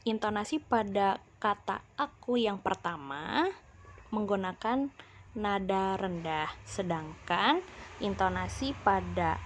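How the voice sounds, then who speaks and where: Slow, patient woman teacher. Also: medium pitch, a little hiss or hum. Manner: slow, patient explaining, addresses the class directly. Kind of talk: recorded language lesson for children.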